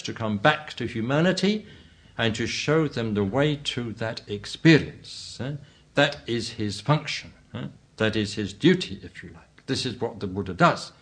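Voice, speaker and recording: A man lecturing as a Buddhist teacher in a deliberate, professorial manner, with formal phrasing, many qualifications and questioning hums between points. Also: mid-range voice, lively intonation. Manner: measured, donnish professorial phrasing with formal "one" and frequent qualifications; deliberate, often punctuated with questioning "hmm" and "eh". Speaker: Buddhist teacher giving a talk. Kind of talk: lecture, expository religious talk.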